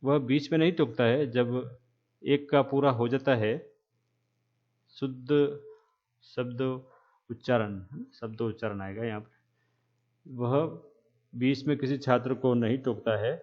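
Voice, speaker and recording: Man, lecturer, slow and deliberate, repeats terms, checks the class follows, mid-pitched voice, dull lo-fi sound. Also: steady tone. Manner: asks "है ना?" to check understanding. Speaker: teacher education lecturer.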